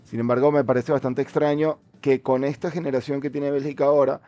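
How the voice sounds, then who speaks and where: A man's voice: medium pitch, flat delivery, fairly quick, mellow, highs cut off, faint music behind. A man in a casual football discussion, speaking as a commentator in a hesitant way, often repeating words mid-sentence.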